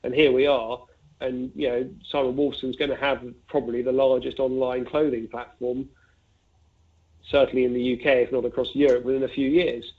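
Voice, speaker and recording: Over a narrow, tinny phone-like line, a man interviewed as an investment fund manager offers conversational market commentary. His mid-range voice keeps a level tone at normal speed. He thinks aloud, working in asides and examples.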